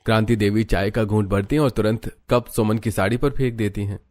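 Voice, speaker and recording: A man narrating a cartoon family story in an even, low storytelling tone. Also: brisk. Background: faint music.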